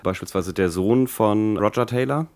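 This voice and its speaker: A man with speech hosting a casual podcast, his voice deepened and worn from a recent infection. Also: normal speed, darkish tone, no room sound, clean studio sound. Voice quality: deepened, croaky voice left over from an infection. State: recovering from Covid with a lingering cough, vocal cords strained. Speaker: podcast host.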